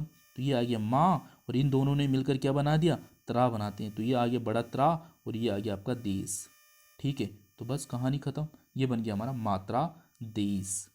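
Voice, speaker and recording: A man teaching a Hindi grammar lesson for an exam. He explains step by step, keeps asking his students whether they follow, and sounds out syllables slowly, repeating them. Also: fairly high pitch, darkish tone. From India. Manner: explains step by step, asks the class questions.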